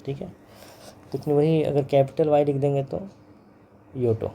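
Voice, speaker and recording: A man's voice: on the high side, steady tone, normal speed, dark tone, a little hiss or hum. A man teaching physics in a lecture, repeating each term and its pronunciation over and over, mixing English terms into his Hindi. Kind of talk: classroom lecture.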